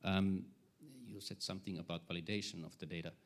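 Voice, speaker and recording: A man in the audience asking a conference speaker a question, halting and full of fillers. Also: sits low, level tone.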